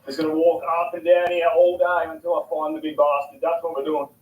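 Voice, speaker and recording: A man giving excitable, slangy fishing commentary outdoors by the water. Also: fairly high pitch, a little fast, narrow, tinny audio. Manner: excitable, exclaiming loudly, slangy. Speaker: fishing vlogger. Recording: distant, echoey outdoor sound with noise.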